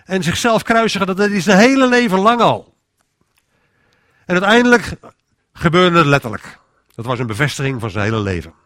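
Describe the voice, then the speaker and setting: A man's voice: sits high, expressive, fairly quick, long pauses, a bit bright, no echo, clean studio sound. A man giving an informal sermon in a conversational way, often restarting his sentences and acting out inner voices. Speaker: preacher.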